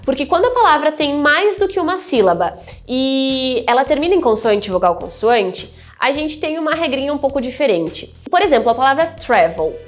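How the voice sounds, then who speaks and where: A woman from Brazil teaching English grammar, patiently repeating key terms and often checking in with "ok?". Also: sits high. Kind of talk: explaining grammar rules.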